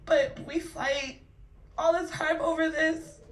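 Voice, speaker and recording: Woman, litigant, courtroom recording, emotional tearful pleading, high-pitched, roomy and off-mic. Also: steady tone, takes it slowly. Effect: courtroom recording played from a show.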